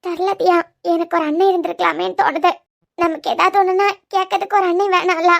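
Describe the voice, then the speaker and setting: A woman's voice: very high-pitched, steady tone, quick pace, vocal fry. A woman voicing Pavi, a weary, worried young working woman in a cartoon series, speaking in a troubled way with a Kanyakumari Tamil accent. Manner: troubled, pleading. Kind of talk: cartoon web series voice acting.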